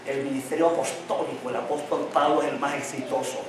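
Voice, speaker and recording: A male pastor with a medium-pitched, fairly even voice preaches fairly quickly in a church hall, with background noise audible. The room is very echoey, the mic distant, and he frequently asks the congregation questions to answer in call-and-response fashion, while a slight tongue-tie tangles his words.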